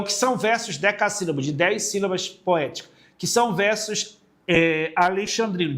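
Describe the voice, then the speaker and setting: Brazilian teacher guy, middle-aged, highish voice, asks and answers his own questions, chatty class vibe. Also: fairly bright tone. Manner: casual classroom tone, addresses students directly. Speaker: literature teacher. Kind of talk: exam-prep video lesson.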